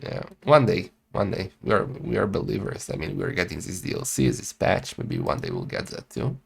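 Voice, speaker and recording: Male co-host, heavy vocal fry, lively joking delivery. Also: deep voice, normal speed. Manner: lively, joking, laughs often. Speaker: tournament co-host and caster. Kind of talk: casual game commentary.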